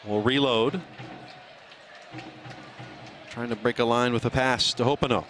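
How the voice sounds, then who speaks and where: A man doing live play-by-play soccer commentary, calling player names in brisk short bursts. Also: mid-range voice, steady tone, a bit bright, faint music behind.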